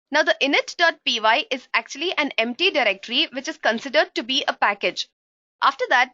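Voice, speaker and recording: A woman with a high, bright voice teaches a live coding tutorial. She walks through each step and keeps addressing her listeners as guys. Her voice comes through a dull, dry livestream headset mic with no room sound. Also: no room sound. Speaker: programming instructor.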